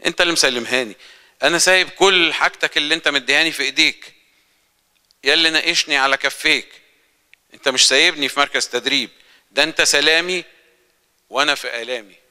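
Lay preacher, Egyptian man, earnest chatty sermon, bright edge, church-hall reverb. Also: a little high, fast talker, pauses often, clear, resonant tone. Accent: Egyptian Arabic. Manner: earnest, conversational preaching with rhetorical questions.

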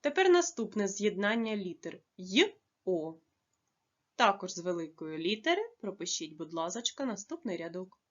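A woman teaching a lesson to young children, dictating slowly and carefully with drawn-out words. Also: medium pitch, very animated, lo-fi sound. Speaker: primary school teacher.

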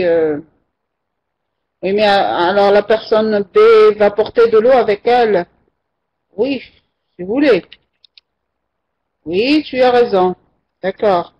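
A woman teaching an online French class, patiently repeating and correcting her students' answers. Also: medium pitch. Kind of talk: online language lesson. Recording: muffled lo-fi online class recording.

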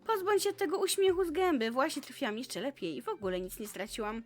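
A woman's voice: high-pitched, animated, fast talker. A woman reading the lines of a vain, scheming teenage pop singer from a visual novel, in a haughty, scornful tone.

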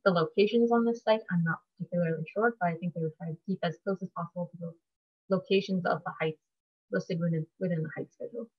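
Woman planner on a video call, calm explaining, audio a bit muffled. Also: fairly low pitch, breathy edge. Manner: measured, explanatory. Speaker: city planner. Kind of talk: technical explanation.

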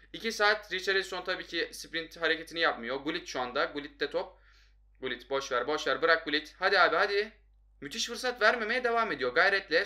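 A young man giving casual, excitable commentary on his own mobile football game, often breaking into frustrated outbursts. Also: on the high side. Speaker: gaming YouTuber.

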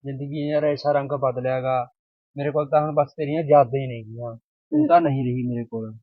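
A man's voice: mid-range voice, fairly even intonation, quick pace, dry recording, natural voice. A young man plays a lovesick village lad, mournful and pleading. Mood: grieving. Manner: mournful and pleading, dropping his voice. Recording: tinny phone-like sound.

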